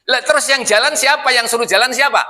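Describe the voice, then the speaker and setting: Lively teasing mosque preacher, bright voice. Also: male voice, very high-pitched, fast. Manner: playful, teasing the audience with questions. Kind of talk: sermon.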